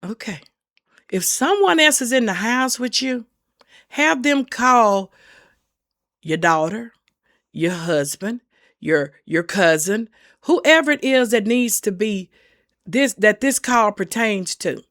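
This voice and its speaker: Woman, middle-aged, gravelly voice, fairly high pitch, earnest and folksy, repeats warnings. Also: lively intonation, takes it slowly, long pauses, fairly bright tone, dry recording, studio quality. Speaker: senior safety channel host. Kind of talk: casual advice talk to camera.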